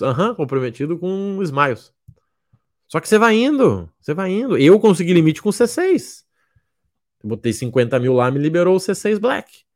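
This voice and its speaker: Blunt, lively man mentoring. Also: fairly high pitch. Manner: blunt, jokey, acts out students' lines. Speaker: miles program mentor. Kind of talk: casual motivational talk.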